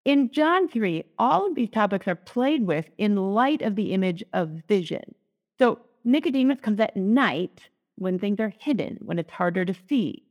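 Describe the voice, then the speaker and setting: A woman's voice: mid-range voice, expressive, moderate pace, darkish tone. A woman co-hosting a lectionary podcast, talking in a chatty, teacherly way. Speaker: podcast co-host, Lutheran. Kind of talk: casual lectionary podcast chat.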